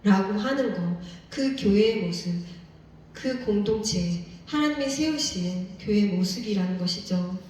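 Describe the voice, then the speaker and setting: A woman's voice: medium pitch, animated, unhurried, darkish tone, distant mic, a little hiss or hum. Earnest woman preaching in an echoey church. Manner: asks the congregation many questions; earnest, pleading. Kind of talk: sermon. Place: church sanctuary.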